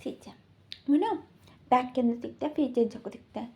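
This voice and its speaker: A woman's voice: a little high, a little fast, darkish tone. A woman casually retelling a fan story, rambling with lots of repeated fillers. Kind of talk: casual story recap narration.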